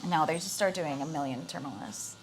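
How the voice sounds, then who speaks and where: A young woman from Canada, chatting as a guest in a relaxed way full of "like" fillers. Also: deep voice, fast, faint music behind. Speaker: guest actor. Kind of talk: casual interview chat.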